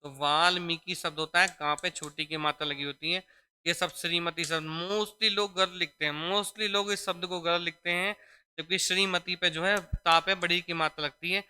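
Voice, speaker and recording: A man's voice: sits high, steady tone, moderate pace, pushed and bright, clear, resonant tone. A man teaching a spelling lesson for exam preparation. He explains step by step, repeats each word, and keeps checking in with his students. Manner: addresses students fondly as children.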